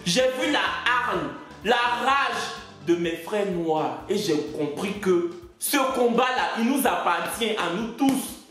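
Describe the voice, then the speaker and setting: A woman's voice: mid-range voice, expressive, slow, fairly bright tone. A woman comedian delivering an emphatic, theatrical comic vlog monologue, repeating phrases for effect. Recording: echoey room with faint music.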